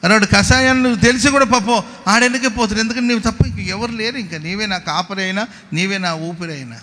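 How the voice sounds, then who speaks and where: Impassioned pastor preaching in an echoing church. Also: male voice, high voice, fast, bright, forceful tone. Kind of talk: sermon. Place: church worship service.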